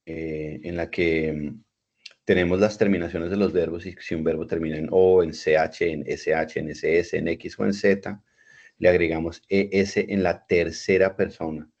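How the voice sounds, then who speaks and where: A man's voice: deep voice, little pitch movement, normal speed, gravelly, a little mellow. A man teaching an English class in over a video call, patiently repeating and spelling out words. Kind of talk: online class lecture. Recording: dull lo-fi video call audio.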